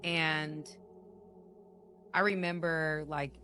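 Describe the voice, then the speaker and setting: A woman answering an interview question in an emotional, halting way. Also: low-pitched, fairly even intonation, music in the background.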